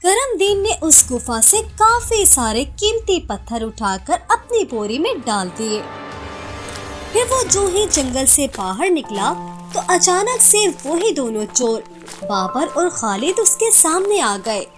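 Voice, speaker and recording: A woman's voice: high voice, very animated, slow, music in the background. A woman narrating a cartoon horror story in a dramatic storytelling manner.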